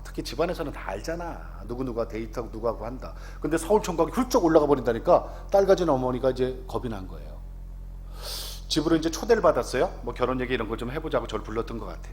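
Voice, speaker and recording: A man in his fifties, an announcer, giving a lively testimony to a congregation and often asking the audience questions. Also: medium pitch, slight background noise.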